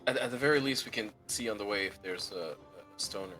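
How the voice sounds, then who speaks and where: Male RPG player, low and bright with lively inflection, hesitant slacker phrasing, music behind. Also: fairly quick. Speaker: tabletop game player. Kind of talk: casual in-character role-play. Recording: music under the voice.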